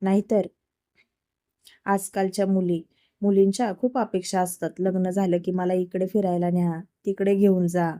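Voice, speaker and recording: A woman's voice: mid-range voice, flat delivery, moderate pace, no echo, clean studio sound, natural voice. Woman doing a fond older mother-in-law. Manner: warm, praising.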